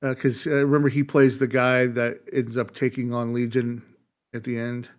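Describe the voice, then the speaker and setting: A man's voice: medium pitch, little pitch movement. A man co-hosting a podcast, telling stories in casual chat with frequent fillers and restarts. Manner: storytelling, halting with fillers. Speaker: podcast co-host.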